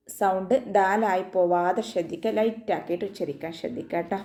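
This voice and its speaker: A woman teaching the rules of Quran recitation, with patient step-by-step instruction and frequent gentle reminders. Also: medium pitch. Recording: echoey room.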